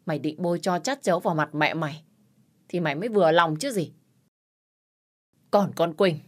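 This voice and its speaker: A woman playing a harsh, scolding mother-in-law. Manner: shrill scolding, insulting.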